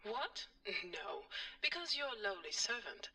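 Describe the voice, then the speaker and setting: A woman's voice: on the high side, very animated, measured pace, sharp tone, heavily acted. A woman voicing a haughty, condescending British psychiatrist in a point-and-click game. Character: snooty psychiatrist putting on German airs. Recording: distant voice.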